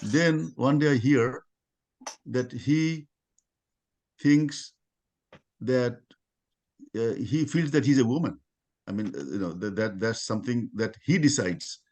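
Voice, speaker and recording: A middle-aged man giving an informal talk at a religious study circle over a video call, part of it read aloud, full of halting restarts and fillers. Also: medium pitch, expressive, darkish tone.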